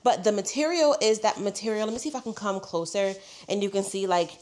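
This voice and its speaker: A woman's voice: mid-range voice, fast, darkish tone. A young woman, chatting casually through a clothing try-on haul, congested and a little out of breath, saying "y'all" a lot. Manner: chatty, says "y'all" often. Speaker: fashion haul vlogger.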